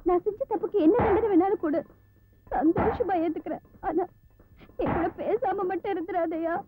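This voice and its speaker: An actress playing a remorseful young village wife, pleading emotionally in an old film scene. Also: female voice, very high-pitched, normal speed. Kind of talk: 1990s film acting. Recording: tinny lo-fi film soundtrack with music.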